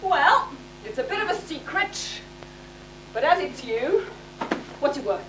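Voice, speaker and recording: A woman's voice: sits high, sing-song, unhurried, fairly bright tone, exaggerated voice. A woman in an amateur stage pantomime playing Aladdin, a cheeky young hero, with playful, teasing delivery. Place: hall stage with audience, distant microphone. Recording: echoey hall, distant, crowd and noise.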